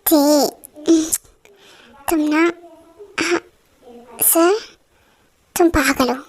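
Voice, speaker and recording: A young woman voicing a caring young male CEO in an amateur Hindi fan dub, speaking calmly and gently, reassuring. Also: extremely high pitch, drawn-out words, heavily acted. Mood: tender.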